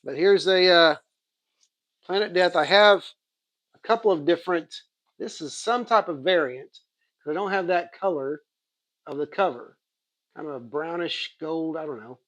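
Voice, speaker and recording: A comics channel host with an Oklahoma accent speaks at a normal speed, pausing often, in a fairly bright, high-leaning voice with no echo. He rambles and thinks aloud while casually displaying and reviewing his haul.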